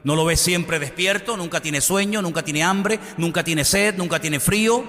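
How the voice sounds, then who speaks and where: Preaching man in a reverberant hall. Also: moderate pace. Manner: dramatic preaching with sudden swings in pitch and loudness. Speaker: pastor. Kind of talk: sermon.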